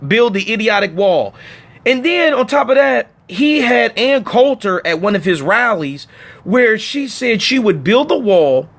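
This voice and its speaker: A man hosting a casual political livestream from his phone, emphatic and animated, talking straight to his viewers. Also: very high voice, a little slow. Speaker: livestream host.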